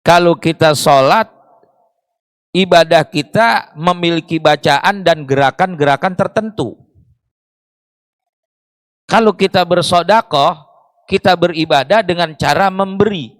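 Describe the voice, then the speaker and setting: A man's voice: a little high, measured pace, long pauses, no room sound. A man preaching a sermon in a mosque, explaining with rhetorical questions and Arabic phrases.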